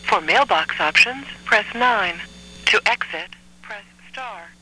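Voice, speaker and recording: A woman reading scripted phone menu prompts as an automated voicemail voice, in measured, clearly segmented instructions over a telephone line. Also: mid-range voice, animated, bright, forceful tone, a little hiss or hum.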